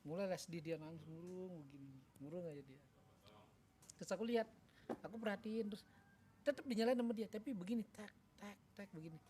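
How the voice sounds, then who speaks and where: Animated storytelling father, earnest. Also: high-pitched, fast talker, slight background noise. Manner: animated, acts out family dialogue; earnest, reflective advice. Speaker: father and podcast co-host. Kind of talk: casual storytelling chat.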